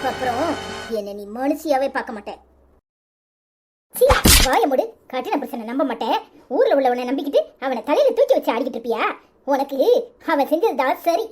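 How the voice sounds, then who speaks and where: A furious village woman from a Tamil cartoon, speaking with a Tirunelveli accent. Her voice is fairly high but pushed lower and heavier as she berates relentlessly. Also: a little mellow. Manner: harsh, berating. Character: fierce protective woman, furious scolder. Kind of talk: cartoon voice acting.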